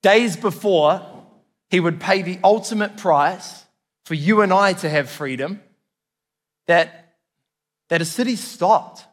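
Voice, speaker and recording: A man with a New Zealand accent preaching a sermon as a pastor, in an earnest, emphatic way with repeated phrases. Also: high voice. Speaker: church pastor. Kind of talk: sermon to a congregation. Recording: long hall reverb.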